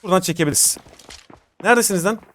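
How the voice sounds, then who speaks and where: High-pitched young man doing gameplay commentary. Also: rapid-fire, a bit bright, a little hiss or hum. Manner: informal, slangy, addresses viewers as friends. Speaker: gaming video host.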